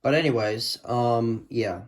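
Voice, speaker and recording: A man with a mid-range voice speaks slowly over some background noise. He's a hobbyist collector showing off his radio collection in a casual, unscripted way, talking hesitantly and often letting his sentences trail off.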